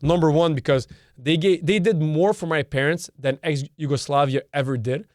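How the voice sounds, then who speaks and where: A man's voice: on the high side, normal speed, a little mellow, dry recording, clean studio sound. A young man from Canada, a Serbian native speaker, hosting a solo opinion podcast and hammering his points by number with lots of repetition. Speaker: podcast host.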